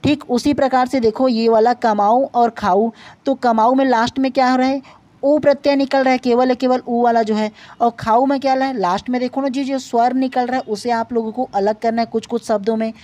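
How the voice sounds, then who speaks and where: A woman's voice: on the high side, steady tone, a little fast, a little mellow, no room sound. A woman with a Chhattisgarh accent, teaching an exam-prep grammar lesson, patiently explaining and checking in with the class again and again. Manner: patient, repetitive explaining with tag questions. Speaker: Hindi language teacher.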